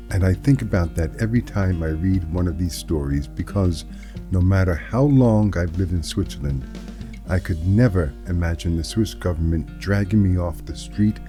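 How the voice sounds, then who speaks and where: A middle-aged American man with a low-pitched voice hosts a commentary channel, delivering scripted political commentary. He speaks earnestly and emphatically, deliberately setting certain phrases apart.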